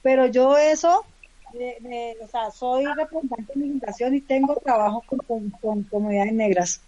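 A woman with a Colombian accent from Valle del Cauca talks casually as an interview guest, halting and often repeating or correcting her words. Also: on the high side, warm tone. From Palmira, Valle del Cauca, Colombia. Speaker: community leader, interview guest. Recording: dull lo-fi remote call.

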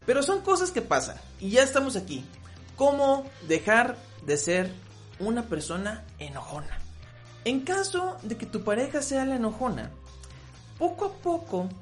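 A man with a Mexican Spanish accent hosting a podcast, giving casual relationship advice and acting out both sides of little arguments. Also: very high voice. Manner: animated, acts out both sides of quoted arguments.

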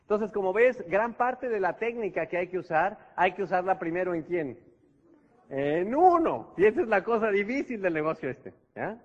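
A high-pitched man coaching an audience in a conversational seminar style. He keeps tossing in tag questions and acts out little examples. The sound is dull and lo-fi, carrying a long reverb from a hall. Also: lively intonation, moderate pace. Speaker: network marketing trainer. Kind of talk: motivational seminar talk.

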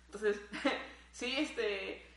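A woman's voice: mid-range voice, extremely slow. Swearing young woman, roomy echo. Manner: animated, swears freely, acts out her own thoughts. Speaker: podcast co-host. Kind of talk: casual chat.

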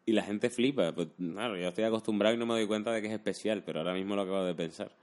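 A man's voice: lowish voice, rapid-fire, a little mellow. A man talking casually and colloquially, often adding tag questions. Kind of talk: casual chat, anecdotes.

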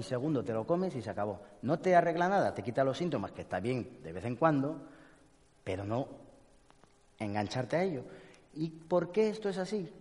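A man with a Spain Spanish accent giving a lively talk to an audience, blunt and joking and swearing casually. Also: mid-range voice. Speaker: speaker giving a talk on inner peace. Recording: long hall reverb.

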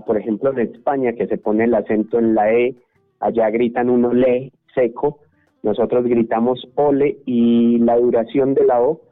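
A Colombian man with a Colombian Spanish accent, speaking at a middle pitch. He explains his points at a measured pace as a radio panelist. His voice comes over a narrow, phone-like line with faint music underneath.

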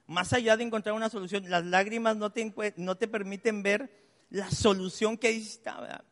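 A man's voice: high voice, fairly even intonation, fairly quick, fairly bright tone. A man, preaching a sermon in a chatty, story-telling way from the pulpit of a church. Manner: conversational preaching, chatty asides and personal stories. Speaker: pastor. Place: church hall. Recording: long church-hall reverb.

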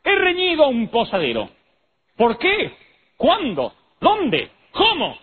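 A stern, old-fashioned schoolteacher who lays out her lessons with a drawn-out, declaiming delivery, as a man acts her out. The voice sits high and swoops widely. It comes through a thin, phone-like recording with a faint hiss. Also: wildly swooping pitch, full character voice. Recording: tinny lo-fi recording with faint noise.

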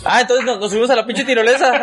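A podcast co-host with a Mexican Spanish accent and an extremely high, slightly bright voice tells a story with lots of energy in a casual chat among friends, swearing and laughing as he goes.

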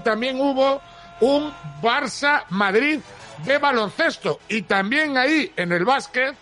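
A man with an accent from Spain presenting a sports radio show in a lively, informal, colloquial way, often repeating himself. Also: extremely high pitch. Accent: Spanish, from Spain.

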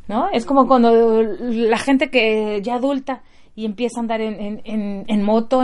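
A middle-aged woman speaks in a fairly high voice. She gives an earnest, conversational motivational talk to a group of mothers, often checking in with her listeners. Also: a little mellow.

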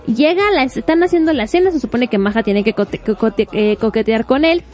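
A woman casually recapping a webtoon plot, animated and full of fillers. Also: on the high side, fairly quick, soft background music. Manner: animated, acts out quotes, fills with este.

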